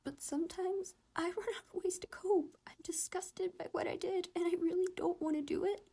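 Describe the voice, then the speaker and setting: Woman doing a scared teen boy, whispered role-play, shaky and pleading, kinda high and raspy. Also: steady tone, unhurried, dark tone, full character voice. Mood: tearful. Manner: shaky, pleading, self-questioning. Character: anxious distressed teenage boy.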